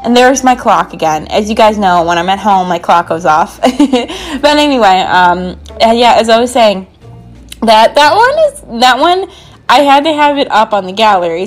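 A young woman who makes gaming content records a casual voiceover over background music, her throat slightly sore. Her medium-pitched voice is expressive and moves at a moderate pace. She's bubbly and rambling, full of "like" and asides.

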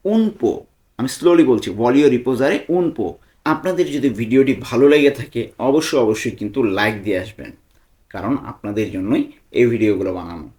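A young man leads a lesson phrase by phrase, pausing to break each line down word by word. His pitch sits in an ordinary middle range. He speaks at a notably unhurried, measured pace. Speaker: language tutor.

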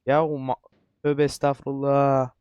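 A man giving let's-play commentary, cursing a lot in frustration and repeating short words while coaching himself to stay calm. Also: mid-range voice, moderate pace, smooth, no room sound, dull audio. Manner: repetitive outbursts. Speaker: gaming YouTuber.

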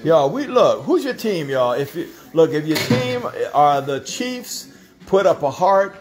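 A man's voice: on the high side, sing-song, unhurried, over music. Chatty man filming in a kitchen. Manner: chatty, talks to viewers while filming. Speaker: cooking show host. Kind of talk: casual live-stream chat. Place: home kitchen. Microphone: handheld phone camera.

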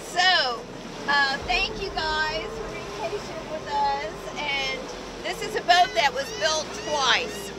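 A woman's voice: high-pitched, slow. A woman giving a grateful, giggly christening speech to a crowd outdoors on a beach. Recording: outdoor crowd and wind noise.

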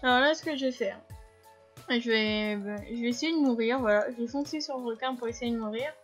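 Female gaming host, a touch high-pitched, casual and chatty commentary over quiet game music. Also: fairly quick. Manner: chatty, explains controls to viewers, frequent fillers. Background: faint game music.

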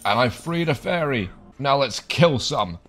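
A man's voice: medium pitch, animated, a little slow, fairly bright tone, soft background music. A man giving playful, improvised gameplay commentary in a jokey, mock-dramatic manner. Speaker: gaming host.

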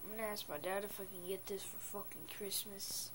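A woman's voice: mid-range voice, little pitch movement, fairly quick, noisy background. A young woman talking in a casual gaming vlog into a phone mic, swearing constantly in a frustrated rant. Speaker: gaming vlogger.

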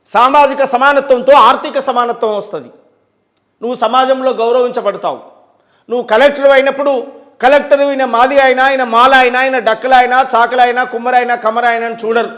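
A man's voice: extremely high pitch, fairly even intonation, brisk, a bit bright. A man with a Telangana accent speaking as an interview guest, emphatic and full of rhetorical questions and long lists. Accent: Telangana Telugu. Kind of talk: impassioned interview talk.

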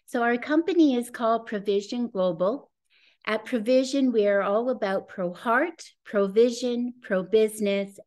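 A woman's voice: on the high side, a little mellow. A woman in her sixties giving an earnest, enthusiastic webinar presentation over a video call from home. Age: 60s. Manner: earnest, enthusiastic, personal testimonial. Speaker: presenter of a business opportunity. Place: home room with a scenic backdrop, indoors. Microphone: video call webcam.

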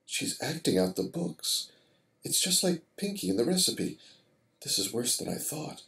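A man's voice: a little high, very animated, a little mellow, voice pushed up. A man doing a fretful young unicorn mare. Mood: anxious. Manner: fretful, rapid, raised. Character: anxious bookish young female unicorn.

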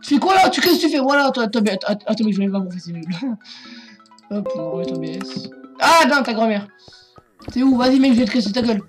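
A man's voice: very high-pitched, lively intonation, fast talker, music in the background. A young man hosting a gaming video, chatting loosely and trash-talking his friend while he plays. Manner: rowdy trash-talking, swearing, laughing. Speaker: gaming channel host. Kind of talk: casual gaming chat.

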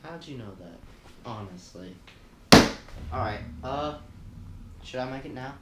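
A man's voice: medium pitch, expressive, slow pace, heavy background noise. A teenage boy hosting a casual Q&A vlog, chewing gum and rambling laid-back with lots of fillers. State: chewing gum while talking. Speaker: YouTuber host. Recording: roomy echo, from a distance.

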